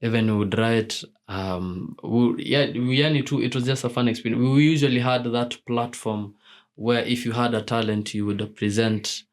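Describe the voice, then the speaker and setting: A man's voice: medium pitch, fairly even intonation, moderate pace. A young man from Kenya answering radio interview questions about his music, with many fillers and restarts. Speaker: musician guest.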